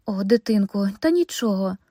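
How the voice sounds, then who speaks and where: A woman's voice: mid-range voice, lively intonation, normal speed, warm tone, no room sound, studio quality, lightly acted. A woman doing a kindly chatty old lady. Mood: soothing. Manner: sweet, soothing, polite.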